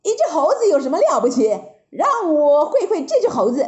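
A woman voicing a proud, hot-tempered boy prince with a haughty, quick, indignant manner, in a storybook reading. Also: sits high, huge pitch swings, highs cut off, voice pushed up.

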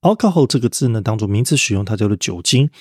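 A man's voice: on the low side, expressive, quick pace, a little mellow, dry recording, studio quality. A man teaching English vocabulary in a podcast lesson, explaining word roots step by step and spelling words out letter by letter.

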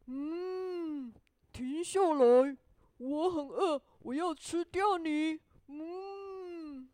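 A woman voicing a hungry cow in a children's story, loud and drawn out with humming pauses. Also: sits high, no echo, pitched above the performer's own voice. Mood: demanding. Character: hungry farm cow, demanding.

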